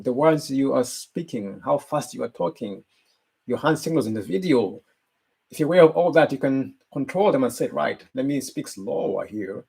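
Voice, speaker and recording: A man's voice: medium pitch, husky, rough recording. A man hosting a live motivational stream, talking earnestly and repeating his key points. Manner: earnest, repetitive, lively shifts in loudness. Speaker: motivational channel host.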